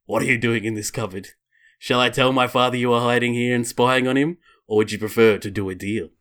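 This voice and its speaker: A man's voice: medium pitch, steady tone, fairly quick, a bit bright, close to an everyday voice. A man voicing a scheming teenage boy wizard bully while reading a fan fiction aloud, in a mock-menacing tone. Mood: sneering.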